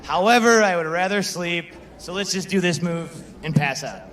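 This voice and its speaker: A man's voice: sits high, moderate pace, fairly bright tone. A young man performing a stand-up comedy set, telling stories in a conversational way and talking with the crowd. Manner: conversational storytelling with crowd work.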